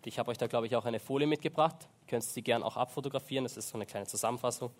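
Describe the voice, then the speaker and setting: An earnest man preaching a sermon in a church. He talks in a halting way, full of fillers and restarts, and he slows down to stress key words when he turns to prayer. His voice sits at an ordinary middle pitch for a man.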